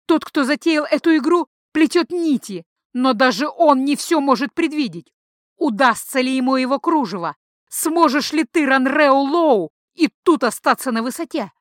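A woman's voice: high-pitched, sing-song, normal speed, fairly bright tone, no room sound, studio quality, pitched above the performer's own voice. A woman reading a mad blind priestess in an audiobook, a flirtatious, erratic woman who swings between coy teasing and shrieked prophecy. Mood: shrieking prophecy.

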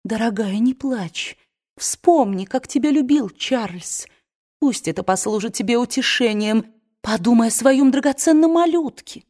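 A woman's voice: on the high side, expressive, measured pace, pitched above the performer's own voice. A woman voicing a kind young woman who soothes and comforts, in an audiobook. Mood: soothing. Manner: soft, comforting.

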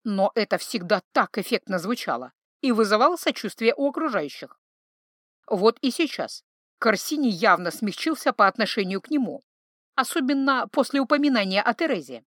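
A woman reading a novel aloud in measured, wryly expressive narration. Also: fairly high pitch, dry recording, clean studio sound. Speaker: audiobook narrator. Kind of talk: scripted narration.

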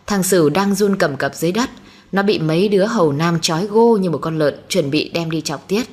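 A woman's voice: fairly low pitch, a little fast, darkish tone, husky. Brief: woman storyteller, evenly paced dramatic reading. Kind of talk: storybook narration.

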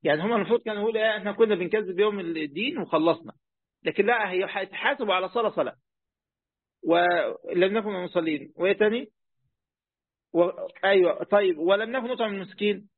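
Egyptian guy teaching a class, fast talker, keeps asking students stuff, tinny dry phone-ish sound. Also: high voice, no echo. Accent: Egyptian Arabic. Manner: conversational, asks students questions, many fillers. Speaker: teacher of Quran commentary. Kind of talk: classroom lesson explaining a text.

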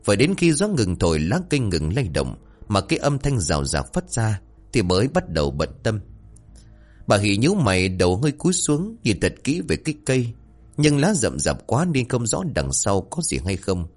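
Guy narrating a spooky story, low voice but really animated, soft music behind. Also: moderate pace. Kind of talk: spoken horror story narration. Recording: faint background music.

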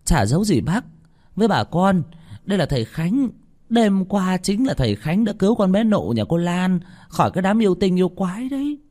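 A man putting on a shrill, frightened village woman. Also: very animated, normal speed, a little mellow. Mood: bustling. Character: panicky middle-aged village woman vendor.

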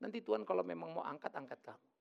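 A middle-aged male pastor preaching a lively, joking sermon in church. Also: high voice, very fast, vocal fry, highs cut off. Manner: lively, joking, acts out quoted voices.

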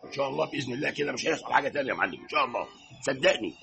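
Brief: harried Egyptian family man in a vintage radio drama, very fast and gravelly. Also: mid-range voice, expressive, bright, forceful tone. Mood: pleading. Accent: Egyptian Arabic. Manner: pleading, apologetic, then fussing. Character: harried young father of many daughters.

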